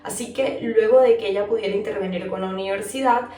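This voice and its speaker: A woman's voice: mid-range voice, fairly quick. Chatty Venezuelan woman telling her story. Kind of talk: storytime vlog. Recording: echoey room, mic at a distance, soft music.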